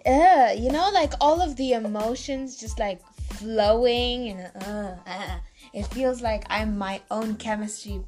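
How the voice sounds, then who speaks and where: A woman's voice: a little high, measured pace, a little mellow, soft background music. A teenage girl chatting casually on a family podcast in a wry way, searching for words as she goes. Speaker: daughter co-hosting family podcast. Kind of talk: casual chat.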